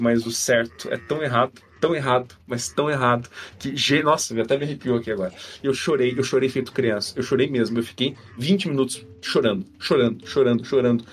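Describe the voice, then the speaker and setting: A man with a Brazilian Portuguese accent, telling a story emotionally on a casual podcast and repeating his phrases. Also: medium pitch. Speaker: podcast panelist.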